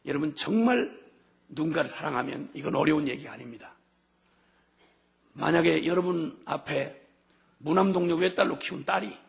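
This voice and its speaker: A middle-aged man preaching a sermon with passion, his voice swinging from hushed to shouting. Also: on the high side, vocal fry, husky. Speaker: missionary preacher.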